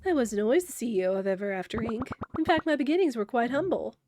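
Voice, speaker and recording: A woman voicing a smug female corporate villain in a game, talking slowly and theatrically with condescending menace. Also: fairly high pitch, sing-song, music in the background. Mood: brooding, theatrical. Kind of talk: reading game dialogue aloud in character.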